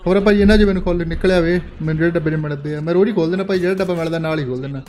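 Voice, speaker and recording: A man's voice: on the high side, racing, a little mellow. A man chatting casually on a game stream, asking questions and answering with short hums. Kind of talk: casual chat on a game watch party stream.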